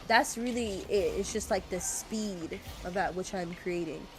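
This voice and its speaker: This is casual gaming stream chat from a woman whose mid-range voice keeps a measured pace. She sounds slightly congested, laughs a lot, and wanders hesitantly from thought to thought.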